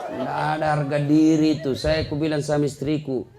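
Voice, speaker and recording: A middle-aged man preaching a humorous sermon, firing rhetorical questions at the congregation and building to shouted climaxes. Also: a little high, level tone, brisk. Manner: jokey, addresses the audience directly with rhetorical questions. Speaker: Islamic preacher.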